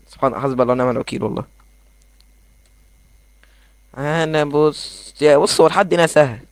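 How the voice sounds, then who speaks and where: A young man with an Egyptian accent giving excitable, rambling commentary as he plays a game in his bedroom. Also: mid-range voice, no echo. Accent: Egyptian Arabic. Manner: excitable, rambling, quick asides. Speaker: gaming YouTuber. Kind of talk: casual gameplay commentary.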